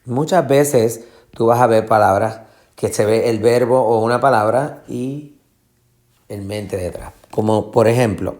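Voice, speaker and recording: A man teaching a Spanish lesson, explaining patiently and repeating words slowly to show where the stress falls, with English fillers mixed in. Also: mid-range voice, darkish tone. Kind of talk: classroom lesson.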